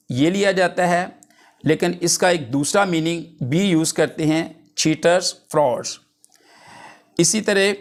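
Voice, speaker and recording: Slow-paced man teaching a lecture. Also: high-pitched. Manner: reads English definitions slowly, then explains in Hindustani. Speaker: English teacher.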